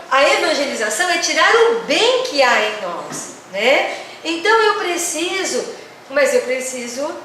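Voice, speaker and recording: A woman's voice: high-pitched, pushed and bright. A Brazilian woman with a São Paulo accent leading a teaching workshop in a conversational way, asking the audience questions and acting out quoted voices. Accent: São Paulo Brazilian Portuguese. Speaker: workshop speaker for religious teachers. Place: community hall. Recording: very echoey hall, distant mic, faint noise.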